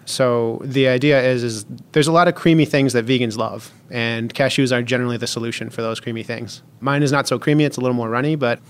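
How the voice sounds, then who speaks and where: A man on a casual podcast, explaining how he made a dish in a relaxed way with small fillers. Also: mid-range voice, quick pace, hardly any pauses, smooth. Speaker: podcast guest cook. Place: public library recording space.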